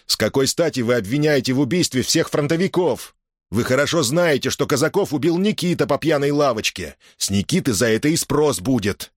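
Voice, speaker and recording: A man reading an audiobook, voicing a fiery young frontline soldier who addresses a crowd with loud, forceful oratory. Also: medium pitch, animated, brisk, no echo, clean studio sound, pitched above the performer's own voice, natural voice. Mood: defiant.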